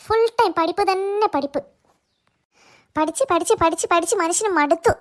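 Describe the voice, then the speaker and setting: A woman's voice: extremely high pitch, normal speed. A woman voicing a schoolgirl who mutters and grumbles about homework in a cartoon. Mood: grumbling. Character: weary schoolgirl tired of studying.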